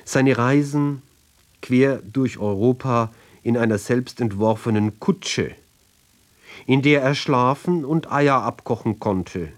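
With a mid-range voice, a man gives a literary reading of narrative poetry, pausing between brief fragments in careful, measured phrasing.

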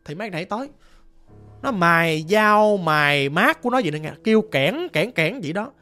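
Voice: mid-range voice, a little fast. Southern Vietnamese ghost story teller, faint music. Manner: lively, colloquial, dramatic. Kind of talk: oral storytelling.

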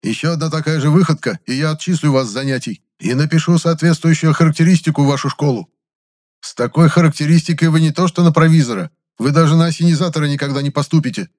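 A man reading an audiobook, voicing a stern, irritable male supervisor who scolds and shouts. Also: a little high, fast, pitched above the performer's own voice, lightly acted. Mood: scolding. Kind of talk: audiobook character voice.

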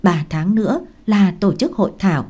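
A woman's voice: mid-range voice, lively intonation, normal speed, dark tone, husky. A woman reading the lines of a composed young male scholar in a storybook, patient and firm as he tutors. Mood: reassuring.

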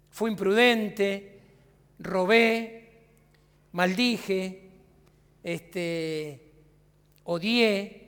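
In a large hall, a high-voiced man with a Rioplatense Argentine accent preaches from a church sanctuary. His sermon is conversational, and as pastor he asks the congregation rhetorical questions.

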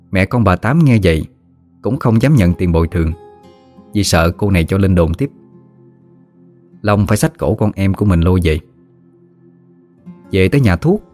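A man with a Southern Vietnamese accent narrating a story in a lively, slangy, teasing way. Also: low-pitched. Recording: faint music behind.

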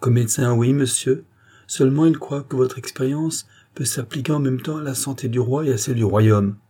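A man's voice: mid-range voice, brisk, mellow, pitched above the performer's own voice, natural voice. A man voicing an anxious devout princess. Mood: earnest. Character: devout anxious royal princess, young woman.

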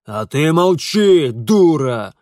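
A man's voice: a little high, big pitch swings, slow pace, a little mellow, dry recording, clean studio sound. A man voicing a portly, enraged noble father who bellows and blusters in an audiobook. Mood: furious. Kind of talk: audiobook character voice.

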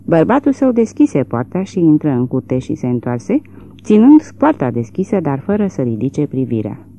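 Low, dark-voiced woman narrating a novel. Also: sing-song. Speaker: audiobook narrator. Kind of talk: literary audiobook narration.

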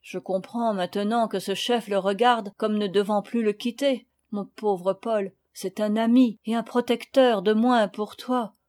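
A woman's voice: medium pitch, steady tone, unhurried, few pauses, a little mellow, lightly acted. A woman reading aloud voices a kind shipwrecked father, sorrowful and pleading. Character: grieving shipwrecked French father, kind and gentle.

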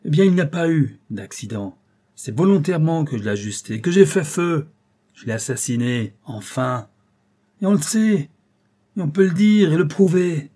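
Furious guilty count, a man voicing him, bitter outbursts, mellow raspy voice. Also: a little high, lively intonation, moderate pace, voice pushed up. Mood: anguished confession. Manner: vehement, anguished, bitter. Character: enraged guilt-ridden aristocratic count, older man.

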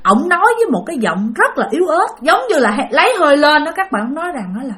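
A woman's voice: high voice, very animated, quick pace, fairly bright tone. A woman telling a ghost story, chatting directly to her listeners. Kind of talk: spoken ghost story narration.

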